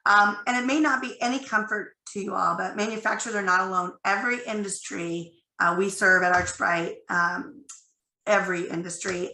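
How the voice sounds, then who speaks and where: A woman speaking on a panel, her voice croaky from a cold, talking in a loose, chatty way. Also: mid-range voice, pushed and bright, roomy sound, low-quality recording. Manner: loose and chatty, thinking aloud. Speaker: panel speaker, company CEO. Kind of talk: conversational panel presentation.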